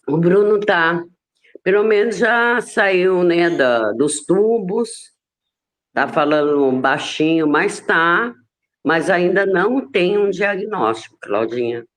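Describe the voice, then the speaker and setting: A woman on a video call sharing news in an earnest, measured way. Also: fairly low pitch, animated. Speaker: study group member. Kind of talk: casual chat.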